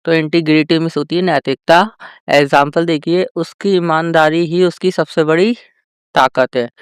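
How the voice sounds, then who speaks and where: A male teacher giving a vocabulary lesson, addressing viewers as friends and slowly drawing out each example sentence. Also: a little high, steady tone, clean tone, no room sound, studio quality. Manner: slow, drawn-out example sentences. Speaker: English teacher.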